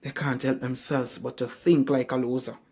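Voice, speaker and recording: A man giving a motivational speech, with emphatic, repetitive rhetorical questions and slow, drawn-out stresses on key phrases. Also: medium pitch, little pitch movement, mellow, husky. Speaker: motivational speaker.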